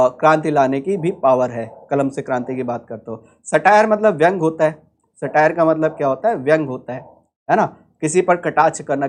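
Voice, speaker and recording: His voice is fairly high-pitched yet darkish in tone, with an Indian accent. He teaches English vocabulary in an online exam-prep lecture, going step by step and asking his class rhetorical questions.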